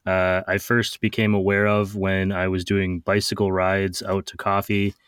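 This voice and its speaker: Podcast host, male, low voice, relaxed and joking, dry close mic. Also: a little slow, clear, resonant tone, no room sound. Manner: relaxed, joking, frequent "uh" fillers. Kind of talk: casual podcast chat.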